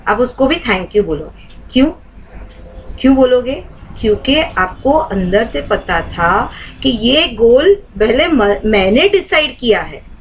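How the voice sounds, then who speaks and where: A woman leads a live online meditation class in a fairly high voice. She talks warmly and keeps putting questions to her students. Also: rough recording. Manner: asks the class many rhetorical questions. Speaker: meditation teacher.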